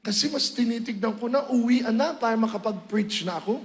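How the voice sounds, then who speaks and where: A male preacher giving a sermon testimony, telling his story with animated, emotional swings into loud highs. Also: fairly quick.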